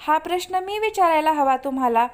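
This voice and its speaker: A woman's voice: high-pitched, expressive, a little fast, a little mellow. A woman voicing a playful young man who teases. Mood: teasing.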